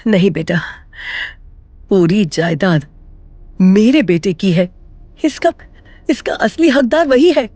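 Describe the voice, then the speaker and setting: A woman's voice: mid-range voice, lively intonation, slow, pauses often, dark tone, no room sound. Woman doing a weepy old grandma begging her family, dry close sound. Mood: pleading. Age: older. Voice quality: tearful, pleading. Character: lonely old grandmother, emotional and pleading.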